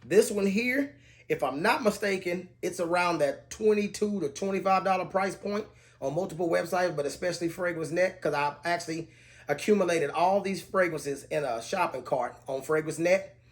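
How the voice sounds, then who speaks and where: A man casually reviewing budget fragrances to camera, talking in a relaxed way and listing scent notes in a steady cadence. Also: high-pitched, normal speed.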